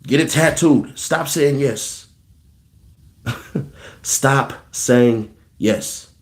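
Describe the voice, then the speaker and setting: A man's voice: medium pitch, very slow. A man ranting about relationships in slangy, joking casual talk, repeating phrases for emphasis. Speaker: vlogger giving relationship advice. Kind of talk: casual comedic rant.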